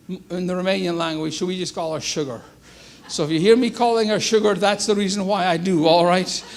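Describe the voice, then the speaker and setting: A Scottish man, a missionary guest speaker, giving a joking, exclamatory church talk. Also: high voice. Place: church sanctuary.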